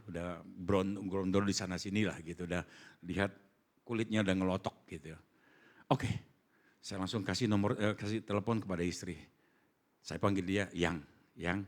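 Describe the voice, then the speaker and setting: A man with an Indonesian accent, a pastor preaching a sermon in a church, joking with the congregation and calling out scripture. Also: fairly low pitch. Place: church hall.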